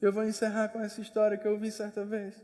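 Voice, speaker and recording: A man's voice: sits high, completely flat delivery, quick pace, warm tone, long reverb tail. A man preaching a sermon as pastor, with emphatic, repetitive exhortation. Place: church.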